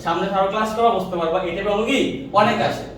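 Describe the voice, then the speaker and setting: A man teaches physics in a quick, high voice, quizzing his class and echoing their replies. He sounds distant from the mic, in a room with heavy echo. A faint ambient hiss sits behind him. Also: fairly bright tone. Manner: drills students with repeated questions, answers himself. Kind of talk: classroom lecture with call-and-response. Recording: echoey room, mic far off.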